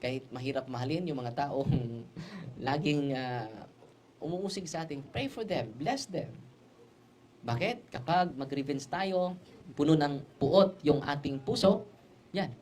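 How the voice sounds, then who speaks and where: A man's voice: on the high side, lively intonation, a little slow, a little mellow, slight background noise. Male priest giving a sermon, tells it like a story, keeps throwing in little tag questions, faint ambience behind. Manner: mixes Tagalog, Cebuano and English. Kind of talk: preaching a sermon.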